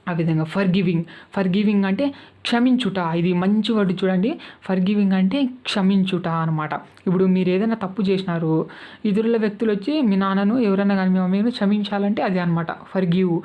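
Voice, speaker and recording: A woman's voice: mid-range voice, warm tone. A woman with a Telugu accent teaching spoken English, patiently repeating each verb form and checking that her students follow.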